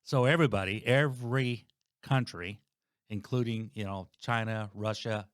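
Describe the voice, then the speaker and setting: Rambling man pushing sixty, low voice. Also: normal speed, no room sound, studio quality. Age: 50s. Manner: rambling, restarts, thinking aloud. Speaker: guest, host's father. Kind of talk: casual podcast chat.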